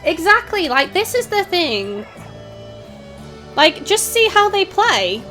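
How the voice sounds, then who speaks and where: A woman gamer hosting a livestream chats casually and reads out chat in a raised, projecting voice, her pitch extremely high with big swings. She speaks slowly in a bright, forceful tone with a Scouse accent touched by Welsh, being from Northwest England, over faint music through a desktop USB mic.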